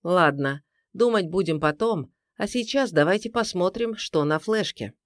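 A narrator playing a composed senior male investigator who talks in a measured, authoritative way. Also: sits high, expressive, no room sound, clean studio sound. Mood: level.

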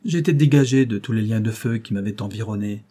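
A man's voice: fairly low pitch, a little fast, mellow, slightly rough. A man reading aloud, voicing a young noblewoman who speaks in a breathless, exalted rush. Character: young noblewoman, entranced, fervent.

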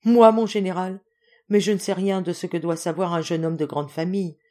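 A woman's voice: on the low side, steady tone, dark tone, natural voice. A woman doing a courteous male officer. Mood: amused. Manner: measured, respectful, earnest. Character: kind thoughtful male officer confidant.

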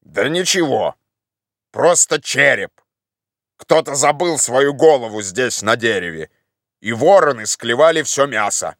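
A man voicing a timid, simple old male servant in an audiobook, calling down slowly and plaintively. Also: medium pitch, expressive, fairly bright tone, no echo, clean studio sound. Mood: frightened. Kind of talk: audiobook character voice.

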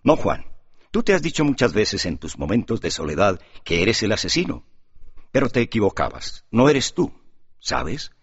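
A man voicing a gentle, pious young man who talks softly and pleadingly, in an audiobook with a dull sound. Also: lowish voice, big pitch swings, moderate pace, husky. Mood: earnest. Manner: soft and pleading. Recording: dull lo-fi recording.

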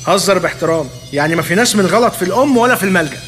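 A man's voice: high-pitched, animated, very fast, a bit bright, big-room sound, soft background music. An actor playing a pompous, stubborn man, an eccentric failed inventor, in a radio comedy, with an Egyptian accent. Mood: bickering. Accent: Egyptian Arabic.

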